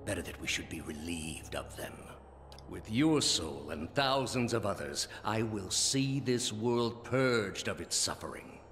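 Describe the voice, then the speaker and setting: An actor playing a weary, ancient immortal villain in a video game, a grave and unyielding orator serving the gods. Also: male voice, on the low side, big pitch swings, a little slow, fairly bright tone, soft background music, exaggerated voice. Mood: weary, resolute. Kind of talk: dramatic game voice acting.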